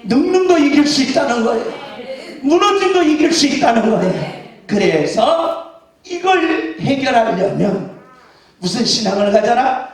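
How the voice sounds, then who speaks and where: A man, a pastor, preaching an Easter sermon with emphasis, questioning the congregation and shouting exclamations. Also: extremely high pitch, very animated, measured pace. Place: church sanctuary. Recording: echoey church hall from far off.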